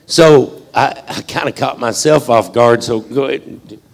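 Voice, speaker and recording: A man's voice: mid-range voice, measured pace, gravelly. A man, a ministry leader speaking to a church crowd in a rambling, folksy, long-winded way. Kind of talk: casual speech to a church crowd.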